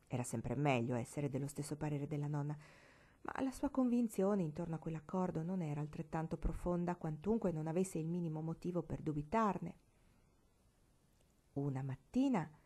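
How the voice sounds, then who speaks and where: Woman reading a novel aloud, measured. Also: low voice, husky. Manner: measured, expressive storytelling. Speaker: reader.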